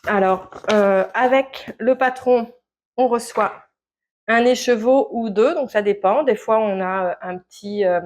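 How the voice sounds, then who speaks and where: A woman's voice: a little high, measured pace. Québécoise woman, knitting vlogger, casual and rambling, lots of hesitations. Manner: chatty, hesitant, full of filler sounds. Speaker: knitting podcaster. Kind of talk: casual chat to camera.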